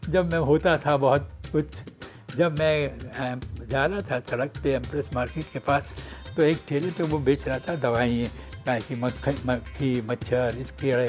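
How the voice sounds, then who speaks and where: A man hosting a radio show, telling funny anecdotes in a chatty, joking way and acting out the quotes. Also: medium pitch. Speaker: radio host. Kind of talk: humorous radio storytelling.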